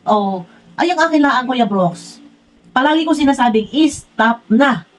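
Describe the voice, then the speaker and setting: A woman's voice: fairly high pitch, animated, a little slow, poor audio. A woman ranting in a reaction vlog, exasperated and scolding, firing off one rhetorical question after another. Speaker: vlogger.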